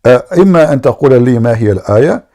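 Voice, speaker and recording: A man's voice: medium pitch, animated, rapid-fire, dark tone. A man hosting a live debate broadcast, switching between classical Arabic and English and pressing his caller with repeated questions. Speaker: host.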